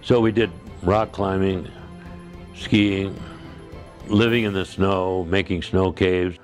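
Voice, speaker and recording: An older man speaks in a very low voice as he recalls the past in an interview. He talks casually and pauses at times to find his words. Faint music sits beneath him. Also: level tone. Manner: conversational, with hesitations. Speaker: interviewee, former ski trooper. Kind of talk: interview recollection.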